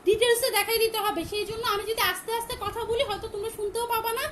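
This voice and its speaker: A woman with a Bangladeshi Bengali accent hosts a live-stream dress sale. Her voice sits very high, and she talks fast and loud, repeating prices and details again and again. A faint hum of background noise sits behind her phone recording. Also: level tone. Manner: loud, repetitive sales pitch. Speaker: online shop seller. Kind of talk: live-stream product selling.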